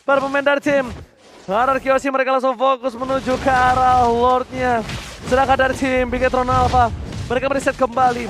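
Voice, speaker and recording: Male esports caster, Indonesian accent, very high-pitched, dramatic hype announcer delivery over light noise. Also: brisk. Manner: hype fighting-game announcer, excited dramatic calls. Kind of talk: live esports game commentary.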